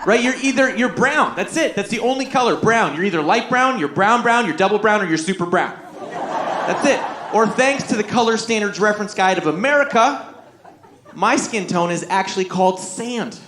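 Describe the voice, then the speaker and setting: A middle-aged man from Canada performing stand-up comedy, telling stories briskly and acting out the voices of people in them. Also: sits high. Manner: lively storytelling, acting out other people's voices. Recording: echoey room.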